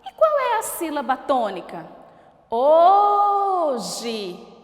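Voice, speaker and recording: Brazilian woman teacher, high and lively, slow syllable-by-syllable delivery, quizzing her pupils. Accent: Brazilian Portuguese. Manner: slow, drawn-out syllable-by-syllable pronunciation, asks questions to pupils. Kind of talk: recorded school lesson for children. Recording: echoey room with long reverb.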